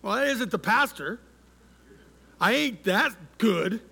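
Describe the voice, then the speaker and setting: High-voiced male pastor, slow sermon. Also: animated, vocal fry, bright, forceful tone, breathy edge. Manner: interactive preaching, asks the congregation for responses; measured, repeats key words for emphasis.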